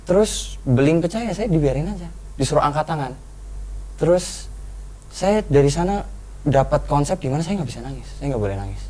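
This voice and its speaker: A young man telling a painful personal story on a talk show, earnest and halting. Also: fairly high pitch, expressive, warm tone, rough recording. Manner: earnest, reflective, halting with restarts. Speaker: guest.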